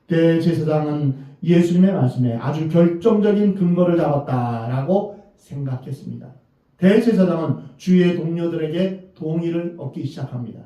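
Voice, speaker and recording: A male pastor delivers an earnest sermon and poses rhetorical questions to the congregation. His voice sits a little high but sounds mellow and dark. It is picked up from a distance in a big, echoing sanctuary. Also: normal speed. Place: church sanctuary. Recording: very echoey, distant, dull church recording.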